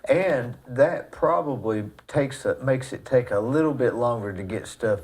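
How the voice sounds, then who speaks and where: A man, interviewing casually in a halting, plain-spoken way. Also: medium pitch, a little mellow. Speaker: interviewer, host.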